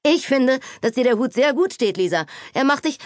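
A woman's voice: on the low side, expressive, brisk, no room sound, clean studio sound, lightly acted. A woman voicing an earnest, worried young husband in an audiobook. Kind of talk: audiobook character voice.

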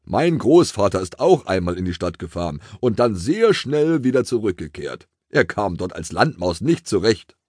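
Old grandfather mouse, calm and wise, storybook, a man acting him. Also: fairly low pitch, moderate pace, hardly any pauses, breathy edge, no echo, studio quality. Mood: assured.

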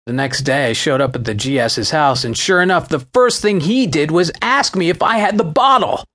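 A man reading his own memoir aloud as an audiobook, with a wry storytelling manner. His pitch swings freely and expressively from line to line, giving the narration a lively, animated feel. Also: normal speed.

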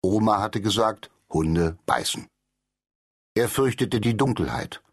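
Male audiobook narrator for kids' stories, unhurried, husky tone, lively pitch. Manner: animated storytelling with character voices. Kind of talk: children's storybook narration.

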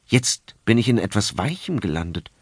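A man narrating a children's audiobook in the first person, with expressive storytelling. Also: lowish voice, moderate pace, husky, no room sound, studio quality.

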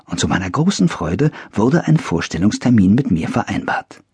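A man narrating a story in the first person for an audiobook, wry and lively. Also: fairly low pitch, moderate pace, slightly rough, no echo.

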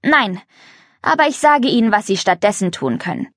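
A woman's voice: mid-range voice, lively intonation, normal speed, fairly bright tone, no room sound, clean studio sound. Woman reading as a cheerful helpful teenage boy. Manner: upbeat, encouraging. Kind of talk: storybook reading.

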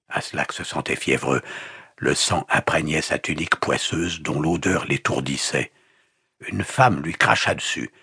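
A man narrating an audiobook in a measured, grave storytelling manner. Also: low-pitched, bright, forceful tone, husky, no room sound, studio quality. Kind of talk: scripted narration. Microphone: close studio mic.

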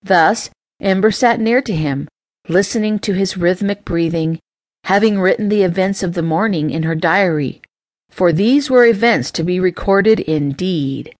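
A woman narrates a fanciful romance in a gentle, measured way. Her voice sits a little low, and the sound is dry and close, with no room around it. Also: no echo. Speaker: audiobook narrator. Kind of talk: scripted narration.

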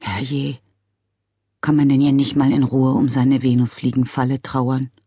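A woman's voice: mid-range voice, sing-song, moderate pace, no room sound, voice pushed up. A woman voicing a meek, sniffling, downtrodden father in an audiobook story, mournful and put-upon. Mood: mournful, fretful.

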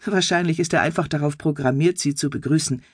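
A woman reading an audiobook, voicing a calm, unflustered young female office assistant. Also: deep voice, fast talker, slightly rough, dry recording, clean studio sound.

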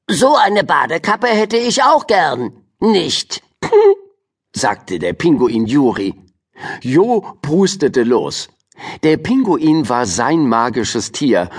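Husky, slow-paced male storyteller. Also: medium pitch. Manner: expressive storyteller reading. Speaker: audiobook narrator. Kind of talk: scripted narration of a children's audiobook.

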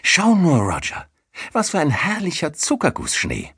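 A man voicing an excited, cheerful young woman in an audiobook, raised high with breathless delight. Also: moderate pace, husky, dry recording, clean studio sound, heavily acted.

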